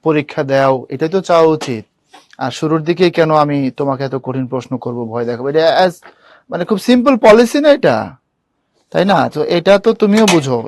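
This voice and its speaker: In a dry, studio-quality recording, a young university admission tutor teaches online with a fairly high, slightly mellow voice. He keeps the tone casual and talkative, addressing students head-on and asking them questions.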